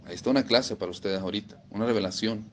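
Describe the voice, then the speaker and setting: Emphatic low-voiced male preacher. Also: racing, a little hiss or hum. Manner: emphatic, repeats phrases for stress. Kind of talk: sermon.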